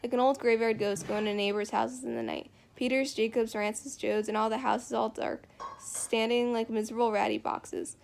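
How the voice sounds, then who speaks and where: A woman's voice: fairly high pitch, little pitch movement, moderate pace, creaky, a little hiss or hum. A woman reading the lines of a lonely, bitter middle-aged farmer man who rambles in a drawling rural dialect.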